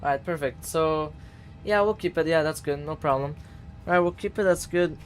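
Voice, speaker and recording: Man, fairly high voice, casual live-stream chat, thinking aloud, muttering, faint cockpit noise. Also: normal speed. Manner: muttering to himself while working through procedures. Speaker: flight simulator streamer.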